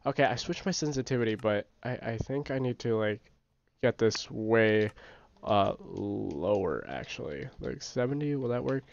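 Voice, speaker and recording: A man with a stuffy nose giving casual, rambling gameplay commentary as the host of his own gaming channel, often correcting himself and getting excited. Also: medium pitch, normal speed, clear, resonant tone. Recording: dry, slightly dull home recording.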